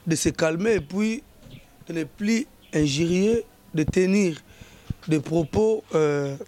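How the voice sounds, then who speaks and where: A man hosting a talk show, speaking hesitantly with frequent pauses while giving advice. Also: high-pitched, warm tone. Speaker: host. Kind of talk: talk-show commentary mixing French and Lingala.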